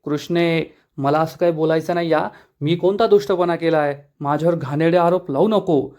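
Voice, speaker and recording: A man's voice: on the high side, steady tone, normal speed, darkish tone, close to an everyday voice. A man voicing a proud, quarrelsome elder daughter-in-law who talks back indignantly. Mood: defiant. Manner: defiant, indignant.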